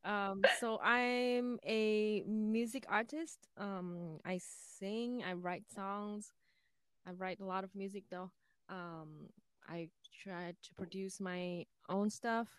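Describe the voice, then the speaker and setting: A woman's voice: medium pitch, fairly even intonation, takes it slowly, smooth, no echo, clean studio sound. A woman from Vietnam, answering interview questions hesitantly with many ums and restarts. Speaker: guest musician.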